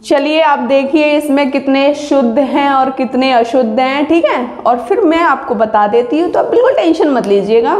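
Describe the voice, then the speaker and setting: Woman teacher, high voice, slow and patient, keeps checking "got it?", echoey room. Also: lively intonation, darkish tone. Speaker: Hindi grammar teacher. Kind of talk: exam-prep grammar lesson.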